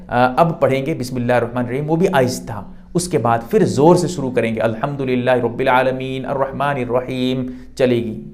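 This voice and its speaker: A man's voice: fairly high pitch, darkish tone. A man teaching how to perform a prayer step by step, explaining patiently and repeating key points with rising emphasis. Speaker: Islamic teacher. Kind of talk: religious instruction.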